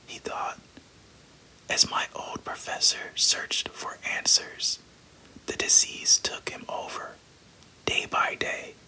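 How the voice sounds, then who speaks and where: A reader who whispers every word of a novel, never voicing a sound. The pace is slow and unhurried, and the breathy whisper is strikingly bright and sharp. Each passage comes out hushed and even. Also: low-quality recording. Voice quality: unvoiced whisper throughout. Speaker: podcast host reading a novel aloud. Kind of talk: whispered reading aloud.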